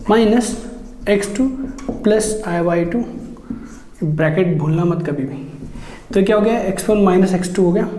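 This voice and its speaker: A man's voice: high voice, mellow, echoey room. A man teaching a maths lecture for exam prep, explaining step by step, asking students rhetorical questions and mixing in English terms. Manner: addresses students as children, mixes in English terms.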